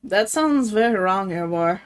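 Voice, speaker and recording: A woman's voice: mid-range voice, expressive, moderate pace. A woman streaming games, chatting casually, laughing often and swearing freely. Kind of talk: casual game-stream chat.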